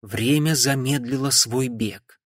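A man reading an audiobook in a measured, dramatic way. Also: medium pitch, no echo, clean studio sound. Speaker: audiobook narrator. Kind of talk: audiobook narration.

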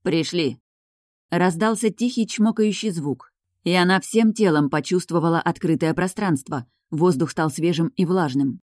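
A woman reading an audiobook in a calm, measured narrating voice. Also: fairly low pitch, dry recording, clean studio sound. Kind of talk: scripted narration.

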